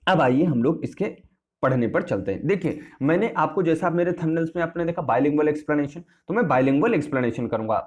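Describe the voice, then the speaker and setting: A man's voice: a little high, a little mellow. A man teaching an English poetry lesson in a classroom style, repeating points and asking and answering his own questions while addressing students familiarly. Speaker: English tutor.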